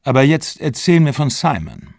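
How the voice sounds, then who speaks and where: A man reading the lines of a cautious, concerned middle-aged father who talks in a measured way. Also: medium pitch, big pitch swings, vocal fry, a little mellow, no echo, studio quality, voice pushed up.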